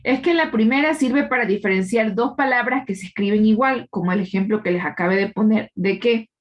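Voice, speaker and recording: A woman's voice: medium pitch, fairly quick, lo-fi sound. A woman teacher giving a live class, explaining patiently and quizzing her students, with frequent tag questions. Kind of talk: live online class lecture.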